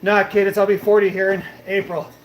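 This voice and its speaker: A man in his late thirties, livestreaming his treadmill workout, talks with a high-pitched, fairly quick voice that has little pitch movement. Brash, boastful and casually swearing, he chats and reads comments while a bit breathless, in an echoey gym carrying faint noise.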